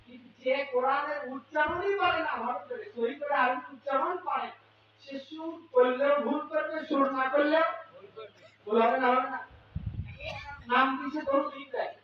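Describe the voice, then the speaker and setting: A male preacher with a Bangladeshi Bengali accent giving a fiery sermon. He shouts rhetorical questions at the crowd and chants Arabic prayers melodically. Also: extremely high pitch, moderate pace, background noise. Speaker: Islamic preacher. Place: religious gathering. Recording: echoey distant hall, lo-fi and dull.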